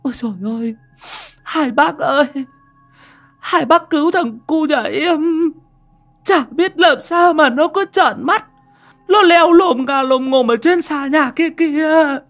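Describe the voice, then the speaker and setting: Panicked village wife, crying, wailing, very high, gravelly, slow. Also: female voice, faint music behind. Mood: terrified pleading. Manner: wailing, shrill and tearful.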